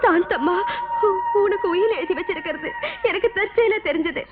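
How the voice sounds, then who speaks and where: An actress playing a guilt-ridden, frightened young wife who pleads through sobs. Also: female voice, extremely high pitch, huge pitch swings, moderate pace, slight background noise, full character voice. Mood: sobbing, pleading. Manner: sobbing, pleading. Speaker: film actress. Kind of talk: 1980s film acting. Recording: tinny lo-fi film soundtrack with music.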